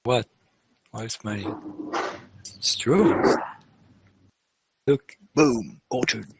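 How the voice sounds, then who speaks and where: A man from France, hosting a casual podcast chat and reacting quickly with a teasing tone. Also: fairly low pitch, creaky, darkish tone, low-quality recording. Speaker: podcast host.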